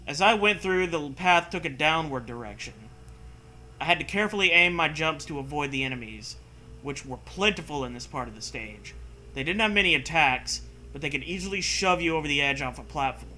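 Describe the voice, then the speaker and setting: A man co-hosts a comedic story reading, delivering it hammy and dramatic and breaking off for casual joking riffs. His voice is on the high side, bright and pushed, brisk with lively intonation, and the poor audio carries some hiss or hum.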